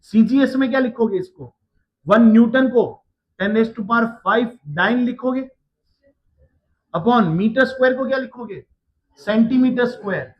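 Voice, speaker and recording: A man teaching a physics lecture, working slowly through the steps and often checking that his students follow. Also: very high voice, muffled recording. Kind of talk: classroom lecture.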